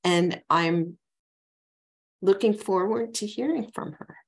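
A woman's voice: medium pitch, slow, breathy edge. A woman hosting a poetry reading over a video call, introducing a featured poet from prepared notes. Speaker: reading host.

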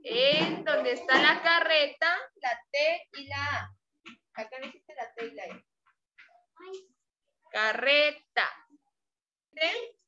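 High-voiced slow kindergarten teacher. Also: female voice. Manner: slow, deliberate, sounds out syllables, frequent praise. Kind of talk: remote phonics lesson for small children. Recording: dull lo-fi audio with steady noise.

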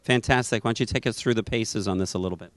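This middle-aged interviewer works an indoor trade show booth on camera, presenting and questioning with a handheld microphone. His lowish voice is a bit bright, and he keeps a quick pace.

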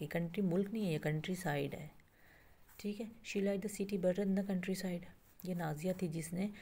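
A woman teacher works through a workbook at an unhurried pace. She reads the English lines slowly and then explains them in Hindi. Her voice is low, dark and gravelly, with faint noise behind it. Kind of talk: classroom lesson explaining a workbook.

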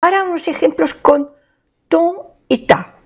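A woman's voice: very high voice, a little slow, a little mellow, muffled recording. An older woman teaching a beginner French lesson, patiently repeating each word and its translation. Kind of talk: slow beginner language lesson.

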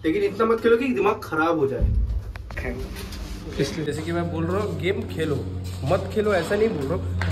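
A teenage man vlogging casually to camera on a phone, chatty, calling his viewers guys and bhai. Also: sits high. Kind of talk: casual vlog chat to camera.

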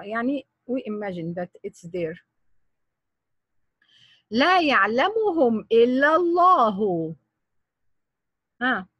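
A woman's voice: high voice, fairly bright tone, slightly rough, no room sound. A woman teaching grammar in English, quizzing her students with repeated questions. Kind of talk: online grammar lesson.

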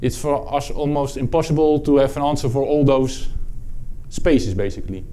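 A Dutch-accented man from the Netherlands gives a technical product talk in a conference room before an audience. His voice is medium-pitched and dark, and his delivery is halting, full of fillers and restarts.

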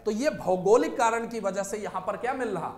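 A man's voice: high-pitched, brisk, a little mellow, roomy sound. A man teaching an exam-prep lecture, explaining step by step and often checking in with his students.

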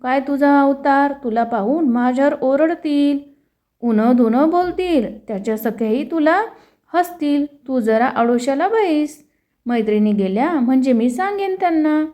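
A woman voicing a fussy young palace maid who fires off questions in a high, sharp voice. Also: animated, measured pace. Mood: fretful, dismissive.

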